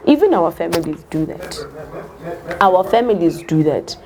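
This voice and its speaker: A woman's voice: lowish voice, sing-song, normal speed, a little mellow. A young South African woman with a Zulu-tinged accent, talking earnestly in a casual chat and switching between English and Zulu. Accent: South African, Zulu-speaking.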